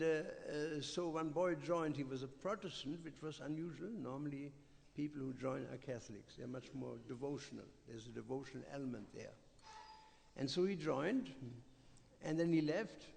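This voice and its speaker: A man's voice: medium pitch, gravelly, in a large hall. A male preacher telling a dramatic story in a sermon, acting out the voices of the people in it. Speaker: visiting preacher. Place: temple hall.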